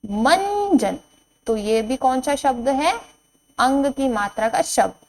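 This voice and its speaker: A woman teacher giving a board lesson to young children, reading each word out slowly and repeating it, then asking questions and answering them herself. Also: high voice, a little mellow, slight background noise, low-quality recording.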